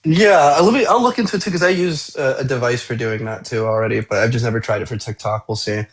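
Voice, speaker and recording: A man hosting a casual livestream chat, relaxed and full of fillers. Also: mid-range voice, quick pace. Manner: relaxed, laid-back, filler-heavy. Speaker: livestream host.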